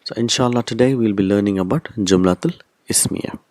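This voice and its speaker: A man teaches a recorded lesson in a fairly low voice. He explains each point step by step and comes back to the key terms again and again. The sound is close and dry, with no room echo. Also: a little fast, darkish tone. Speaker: Arabic teacher.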